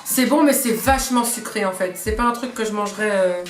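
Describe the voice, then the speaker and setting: A woman's voice: medium pitch, brisk. A woman hosting a tasting vlog, chatting casually to the camera. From Belgium. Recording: echoey room with music behind.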